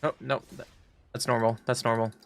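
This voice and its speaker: Young man, gravelly voice, streamer, swears and jokes, casual. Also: mid-range voice, flat delivery, brisk. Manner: profane, joking banter. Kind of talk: casual gaming stream chat.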